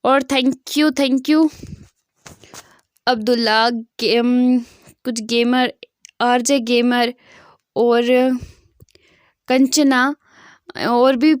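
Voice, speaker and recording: A woman's voice: a little high, clear, resonant tone, dry recording, studio quality. A woman retelling a fan fiction story in a chatty, casual way, full of fillers.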